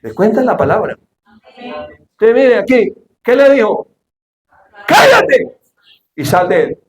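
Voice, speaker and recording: A male pastor delivering an animated sermon, shouting the quoted lines and asking the congregation questions. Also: high voice, reverberant, a little hiss or hum. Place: church hall.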